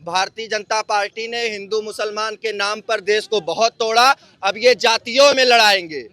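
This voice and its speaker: A man's voice: high voice, steady tone, normal speed, bright, forceful tone, no echo. A man from the public, talking indignantly in a street interview and repeating his questions insistently. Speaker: member of the public giving his view.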